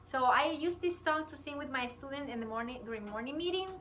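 A Chilean kindergarten teacher leads a bilingual song lesson indoors, strumming a ukulele and switching between Spanish and English. Her bright, high voice is slow, gentle, and lively in intonation. The camera sits a few feet away, so she sounds a little distant, with a bit of hiss or hum.

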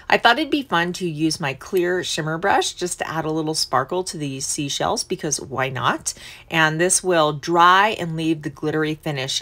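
A woman's voice: low voice, fairly bright tone. A middle-aged woman hosting a casual crafting tutorial, chatty and upbeat as she explains each step in a voice-over. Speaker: craft channel host.

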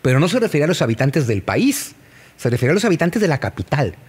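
A man's voice: fairly high pitch, quick pace, breathy edge. A man with a Mexican accent explaining history in casual conversation, posing rhetorical questions. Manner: animated, rhetorical questions to the listener.

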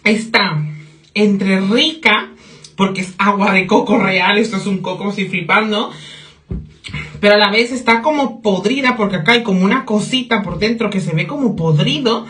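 A woman's voice: mid-range voice, normal speed, fairly bright tone. Giggly young woman vlogger. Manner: giggly, gossipy, swears freely, slips in English phrases. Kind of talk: casual storytime vlog.

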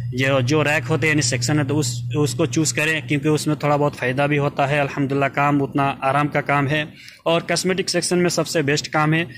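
A man talks viewers through his shop-floor job in a casual, chatty vlog, leaning on the same little fillers again and again. His voice sits a bit higher than most men's. A phone picks him up in the aisles, with faint store ambience underneath. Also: a bit bright, slight background noise. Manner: chatty, frequent filler "theek hai" and "doston". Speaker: vlogger showing his supermarket job. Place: supermarket aisles, indoors.

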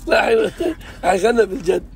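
A man's voice: high-pitched, expressive, racing, vocal fry, a crowd in the background. A man, chatting earnestly and insistently with a friend inside a car. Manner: earnest and insistent, swears he means it. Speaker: vlog host. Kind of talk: casual chat.

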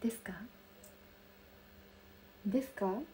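A young woman with a soft Kansai accent chatting casually on a livestream, reading out and answering viewer comments. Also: slow, slight background noise. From Kansai region of Japan. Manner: soft, bubbly, chatty with frequent laughs. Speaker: livestream host. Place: room lit by daylight.

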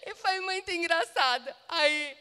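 A woman pastor with a Brazilian Portuguese accent, preaching and telling an anecdote in an animated, laughing way. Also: very high-pitched, a little slow, in a large hall. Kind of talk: sermon with a personal anecdote. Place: church auditorium.

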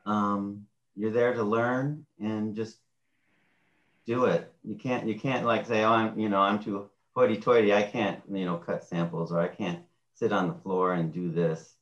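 A man's voice: fairly low pitch, flat delivery, measured pace, a bit bright. A man on a video call panel giving direct, plain-spoken advice. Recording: roomy, dull video call audio.

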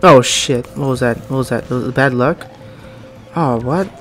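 A young man rambling through casual gameplay commentary, full of "like"s, with bursts of yelling. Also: mid-range voice, normal speed, faint music behind. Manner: rambling, many "like"s, bursts of yelling while racing. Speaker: gaming YouTuber.

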